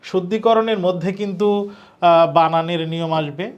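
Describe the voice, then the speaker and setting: A man's voice: high voice, normal speed, clean tone, highs cut off. A man teaching an admission-test lecture, explaining answers step by step, spelling words out letter by letter and talking straight to his students. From Bangladesh. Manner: addresses students directly, informal colloquial turns. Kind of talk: lecture solving exam questions.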